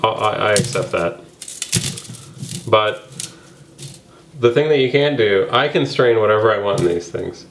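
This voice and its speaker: A man's voice: fairly low pitch, expressive, unhurried, pauses often, reverberant, noisy background. Opinionated man showing kitchen gear. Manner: opinionated, playful. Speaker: home cook and co-host. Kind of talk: casual kitchen tour chat.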